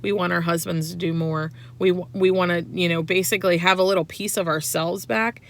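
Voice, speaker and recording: A woman's voice: fairly low pitch, steady tone, fairly quick, creaky, a little hiss or hum. Frustrated mom ranting from her truck. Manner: frustrated, emphatic, grows loud. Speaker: mom venting to camera. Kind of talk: casual rant. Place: parked truck, alone.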